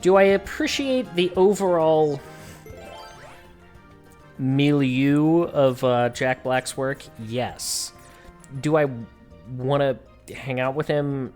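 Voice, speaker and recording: A woman's voice: sits low, takes it slowly, pauses often, darkish tone. A woman streamer chatting casually and wryly while playing a game. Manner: wry, self-deprecating and chatty. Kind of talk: casual gameplay commentary. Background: faint game music.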